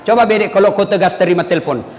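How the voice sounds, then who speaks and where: A man, preaching an animated, joking sermon and scolding his congregation directly. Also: high-pitched, racing, some chatter behind, slight background noise. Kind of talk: lively sermon to a live congregation. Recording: long hall reverb, faint ambience.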